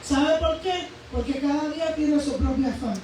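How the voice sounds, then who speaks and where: A woman preacher giving a fervent testimony in a sermon, emphatic and swinging between raised and hushed speech. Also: sits high, normal speed. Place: church sanctuary. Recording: very echoey church hall, voice from far off, faint noise.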